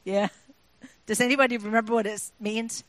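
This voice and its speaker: A woman's voice: a little high, fairly even intonation, brisk, a bit bright, no echo. A woman giving an informal, chatty talk to listeners, explaining things and often putting questions to them. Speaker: speaker addressing an audience. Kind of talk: informal talk explaining sayings, with recited examples.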